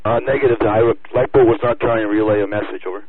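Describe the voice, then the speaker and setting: Guy on a boat radio, rattles it off quick, clipped radio talk, sounds like a tinny walkie line. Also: lowish voice, steady tone. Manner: clipped radio procedure, says "over". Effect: over a marine radio. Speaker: light boat radio operator. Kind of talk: marine radio calls.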